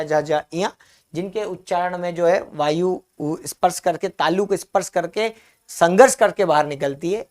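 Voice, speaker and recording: In a high voice, a man teaches Hindi grammar in a live online session, answering the questions he raises himself. Key terms are repeated slowly so students can copy them.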